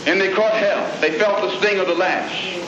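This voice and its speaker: A man delivering a speech to an audience in rhythmic, measured oratory with pointed emphasis, from an old archival recording. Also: sits high, fairly even intonation. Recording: old echoey, dull, noisy hall recording.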